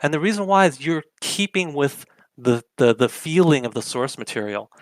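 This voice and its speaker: With a fairly high pitch and lively intonation at normal speed, a young man leads an opinion-driven political commentary program. He argues forcefully and asks plenty of rhetorical questions, recorded with no echo.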